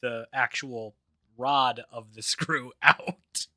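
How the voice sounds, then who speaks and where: Male streamer, sardonic, unhurried delivery, dead dry room. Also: mid-range voice, steady tone, bright, forceful tone, no room sound. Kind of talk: casual gaming stream chat.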